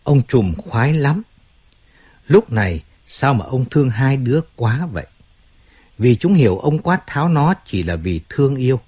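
A man narrating a novel as an audiobook, in a steady, measured way. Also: mid-range voice, slightly rough, muffled recording.

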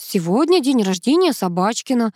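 A woman's voice: on the high side, big pitch swings, moderate pace, mellow. A woman reading the lines of a flustered wife defending herself and explaining. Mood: defensive. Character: flustered colonel's wife making excuses. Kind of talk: audiobook character reading.

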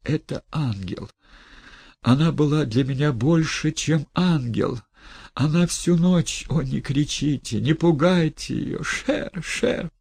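Dude doing a weepy frail old gent, shaky and breathy, gravelly. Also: male voice, mid-range voice, animated, takes it slowly, pauses often, a little mellow, no echo, voice pushed up, heavily acted. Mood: pleading. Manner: breathless, trembling pleas. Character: frail elderly gentleman, tearful and pleading.

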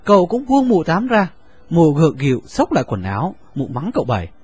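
A man narrating a story in an expressive, lively reading. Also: fairly high pitch, fairly quick, breathy edge.

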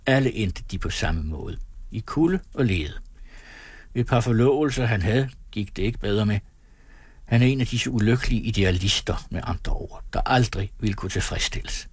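A man reading the part of a gruff but well-meaning older gentleman in a storybook, speaking earnestly and persuasively. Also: lowish voice, animated, dry recording.

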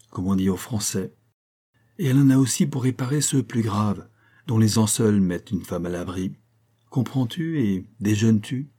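A man's voice: fairly low pitch, warm tone, natural voice. A man voicing a playful, teasing young woman in an audiobook.

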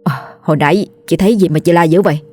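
A woman voicing a wary, level-headed village boy who talks quickly and cautiously. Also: lowish voice, darkish tone, soft background music, lightly acted.

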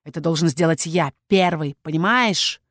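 Woman doing a possessive young dragon guy, hushed and heated, dry close sound. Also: low-pitched, normal speed, no echo. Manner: hushed, insistent, heated whisper. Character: young man, possessive pushy dragon-shifter. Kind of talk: audiobook character voice.

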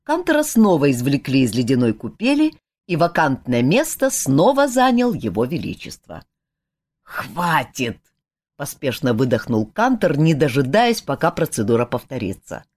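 A woman reading a novel aloud with expressive, lively storytelling. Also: rumbling low, normal speed. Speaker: audiobook narrator. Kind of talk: scripted narration.

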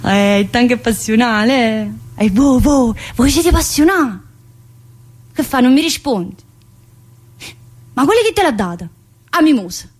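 Playing a provocative woman inmate, an actress performs a southern Italian-accented monologue in casual, dialect-flavored speech, teasing and cajoling. Her slightly high, slightly rough voice is animated yet unhurried, with frequent pauses and a stream of familiar rhetorical questions.

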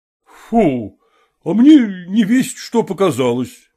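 A man voicing a polite, composed male professor who speaks courteously and calmly in a storybook reading. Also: high-pitched, slow, husky, heavily acted. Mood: puzzled. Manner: courteous, soothing.

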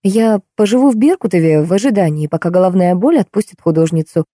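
A woman reading an audiobook, voicing a composed woman writer who speaks slowly and formally. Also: on the low side, expressive, dark tone, no echo, clean studio sound. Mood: measured. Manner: slow, measured, formal.

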